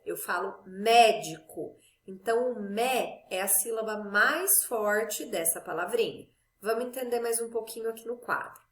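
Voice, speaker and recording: A woman with a fairly high voice talks young pupils through a grammar lesson, slowly stretching the stressed syllables of her example words. The sound is echoey, as if she is in a bare room. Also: a bit bright. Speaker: teacher. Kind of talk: recorded Portuguese class for children.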